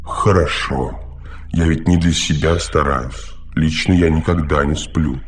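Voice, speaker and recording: Male reader playing a smothering robot caretaker, very low voice, preachy, audiobook. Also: fairly even intonation, measured pace. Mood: fussy. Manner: solicitous, lecturing, talks too much. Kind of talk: audiobook reading.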